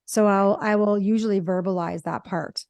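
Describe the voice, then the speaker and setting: A middle-aged woman, a relationship psychologist, talking fast and telling animated stories in a casual conversation. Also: medium pitch, no echo, studio quality. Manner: fast talker, animated storytelling. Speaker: podcast co-host, relationship psychologist.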